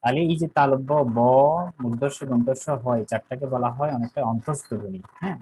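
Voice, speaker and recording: A man teaches at a middling pitch, slowly spelling out sounds and letters. He keeps checking that his students follow. A faint hiss sits under his voice. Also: a little mellow, low-quality recording. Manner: patient, repeats points and checks understanding often. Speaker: Sanskrit teacher. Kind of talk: online language lesson.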